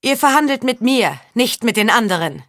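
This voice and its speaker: A woman's voice: mid-range voice, expressive, normal speed, fairly bright tone, no echo, clean studio sound, close to an everyday voice. A woman reading the part of a resolute young female leader in an audiobook, speaking firmly.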